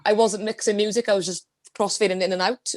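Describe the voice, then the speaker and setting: A woman's voice: medium pitch, fairly even intonation, fast, darkish tone, dry recording, clean studio sound. A woman in her twenties with a Welsh Valleys accent, chatting casually and telling anecdotes in an interview on a video call. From Wales, the Valleys. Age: 20s. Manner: informal, anecdotal storytelling. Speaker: guest, DJ. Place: small indoor room at home, video call.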